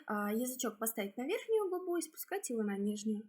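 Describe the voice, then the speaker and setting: Higher-voiced woman instructor, slightly husky. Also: big pitch swings, fairly quick, darkish tone. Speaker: speech therapist teaching articulation exercises. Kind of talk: spoken instructional demonstration, explaining step by step.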